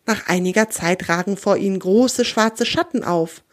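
A woman reading a children's story aloud in a gentle, expressive way. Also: mid-range voice, moderate pace.

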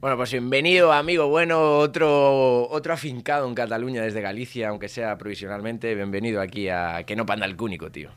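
A man's voice: mid-range voice, fairly quick, few pauses, fairly bright tone, smooth. A man hosting a casual interview, loose and rambling, laughing often. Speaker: podcast host.

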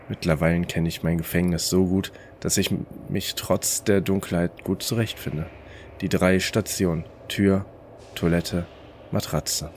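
A man narrating a first-person story in a calm, low-key inner-monologue manner. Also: slight background noise.

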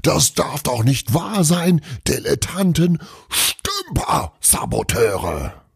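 A towering old Santa Claus played by a man roars at his helpers in a raised, strained voice. The bellow keeps a gravelly, husky grain, and it drops to a tired mutter in between. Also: on the high side, wildly swooping pitch, slow pace, no room sound, studio quality, pitched above the performer's own voice, heavily acted. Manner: bellowing, then muttering hoarsely. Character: furious old Santa Claus, huge and loud.

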